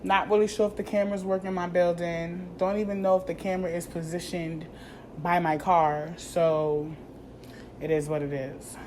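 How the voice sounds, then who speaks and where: A woman in her thirties telling a casual, profane story in a vlog, animated and slangy, acting out what people said to her. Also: lowish voice, normal speed, a little hiss or hum. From New York. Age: 30s. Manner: animated, profane, slangy, acts out quoted dialogue. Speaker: vlogger.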